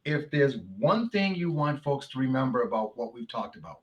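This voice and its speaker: A man's voice: mid-range voice, very animated, moderate pace, highs cut off. A man hosting a casual interview, often repeating and restarting his words. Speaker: host.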